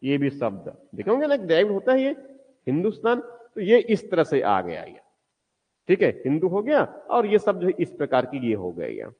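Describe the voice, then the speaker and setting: A male teacher giving a history lecture in a classroom, asking the class questions and answering them himself, often repeating key words slowly for stress. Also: on the high side, wildly swooping pitch, slightly rough, in a large hall, lo-fi sound.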